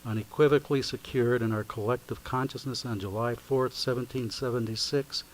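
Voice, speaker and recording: A man leading a formal spoken prayer at a county meeting, speaking at a lectern microphone in a solemn, measured, recited way. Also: medium pitch, steady tone, a little hiss or hum, rough recording. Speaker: invocation leader at a county meeting.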